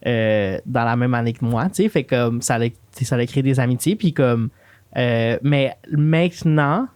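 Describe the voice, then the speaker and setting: A man in a casual podcast chat. He speaks haltingly, restarting phrases and filling pauses. His voice is at a middle pitch and sounds dry and close. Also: darkish tone, clear, resonant tone, no echo. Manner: hesitant, restarts and fillers. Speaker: podcast co-host. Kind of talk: casual conversation.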